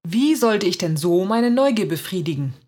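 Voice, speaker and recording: A woman reading a first-person children's story aloud in a lively, expressive way, with a husky voice. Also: mid-range voice, moderate pace. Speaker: reader.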